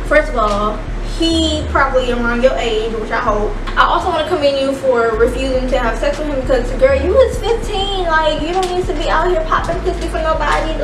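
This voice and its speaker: A young woman chatting casually to camera with sassy, profane slang, her speech muffled and slurred as if her mouth were stuffed with gauze. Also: sits high. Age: young adult. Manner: sassy, animated. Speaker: YouTube advice host. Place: indoor studio with plain backdrop. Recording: roomy, distant mic with clear noise.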